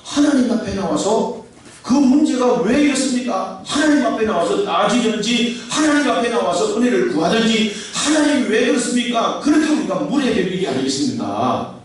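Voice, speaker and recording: A man's voice: high-pitched, very animated, moderate pace. Male pastor, emphatic sermon delivery, strong church hall reverb. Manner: emphatic preaching, calls the congregation to say amen. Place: large echoey church sanctuary. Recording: very echoey hall, voice from far off the mic.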